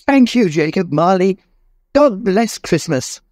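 A man doing Scrooge as an old man pitched well above his own voice, crying out in earnest pleas and bursts of feeling. It is a storybook reading with a dry, close sound. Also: measured pace, a little mellow, no echo. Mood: overjoyed. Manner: emotional, pleading, exclamatory. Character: old man Scrooge, repentant, desperate then overjoyed.

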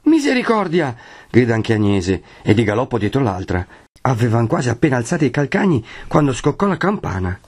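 A man from Italy reading a classic novel aloud as an expressive audiobook narrator. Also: medium pitch, brisk, husky. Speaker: audiobook reader.

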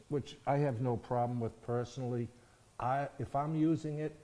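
A man's voice: medium pitch, warm tone, poor audio. A middle-aged man, a chef, giving a cooking demonstration in a studio kitchen and explaining each step, often checking in with "okay?" and "all right?". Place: studio kitchen set, indoors.

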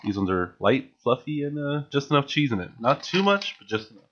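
A young vlogger chats excitedly about his grocery haul from a small room at home, tripping over his words and restarting with fillers now and then. His medium-pitched voice swings widely in pitch, runs a little fast and sounds fairly bright. The studio mic on a stand gives a muffled recording with slight background noise, and he has headphones on.

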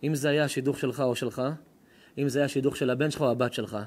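A rabbi preaching a lively sermon to a live audience, teasing the listeners and addressing them directly. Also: male voice, mid-range voice, breathy edge. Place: lecture hall or synagogue with an audience.

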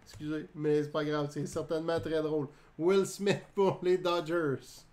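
This man, speaking with a Quebec French accent, hosts a live card break where he announces each card conversationally while laughing and joking with viewers. His voice is on the high side and darkish in tone, unhurried, with little pitch movement.

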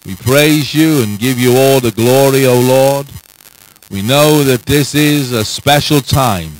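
A middle-aged man preaching and reading out a summary in solemn, declamatory, measured phrases, on a handheld microphone. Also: medium pitch, a little hiss or hum, low-quality recording. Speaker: preacher and prayer meeting leader. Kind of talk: sermon, reading out a prepared summary. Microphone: handheld microphone held close.

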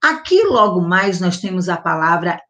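A woman teacher giving a gentle vowel lesson to young children, drawing out each sound and often checking in with the class. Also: lowish voice, very animated. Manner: slow, drawn-out enunciation with diminutives and check-ins; stresses and stretches the vowel sounds loudly. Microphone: close mic, online class recording.

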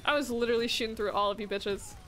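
A young woman streaming a shooter game, chatting casually, swearing and getting excited about plays. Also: fairly high pitch, quick pace, soft background music. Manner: excitable, swears, laughs and gasps often. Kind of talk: casual gaming chat.

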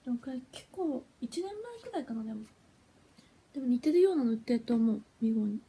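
A young idol woman hosting a casual phone livestream. Her voice sits high, with a mellow, breathy tone. She chats and giggles freely and gets flustered easily. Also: animated, fast. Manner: chatty and giggly, flustered when her stream freezes.

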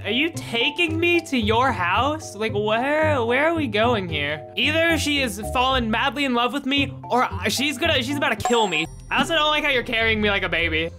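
A man's voice: very high voice, animated, normal speed, hardly any pauses. A young man, a gaming YouTuber, rambling through a joking gameplay commentary and restarting his words often. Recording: game music behind the voice.

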